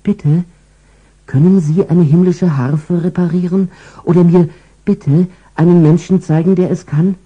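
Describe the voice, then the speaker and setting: Naive little boy angel, high, polite, pleading, voiced by a male narrator. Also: steady tone, unhurried, mellow, breathy edge, muffled recording. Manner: polite, pleading, repetitive asking. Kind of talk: storybook character voice.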